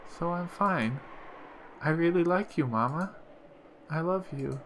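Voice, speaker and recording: An eerily calm little girl with a soft, childlike lilt, slow and sweet, as a man puts her on while reading. Her voice sits higher than his usual reading voice, with a faint hiss underneath.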